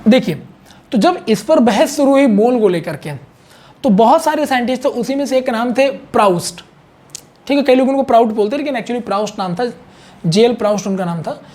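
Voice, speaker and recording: Here the voice is very high-pitched, a little fast and slightly mellow. The man leads an online chemistry lesson, explaining in a conversational, repetitive style and often checking in with the class.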